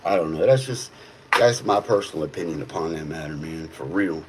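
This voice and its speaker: On a livestream, a man in his thirties talks bluntly in casual streetwise slang, peppering his speech with "bro". His voice is a rumbling low and his pace brisk, with a little hiss or hum in the audio.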